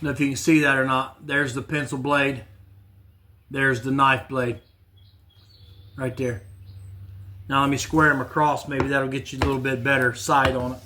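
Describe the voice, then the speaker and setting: A man of medium pitch hosts a woodworking channel, demonstrating casually in his home shop at normal speed but with long pauses. A little hiss or hum runs through the audio, and he speaks plainly, repeats himself, and restarts in a relaxed way.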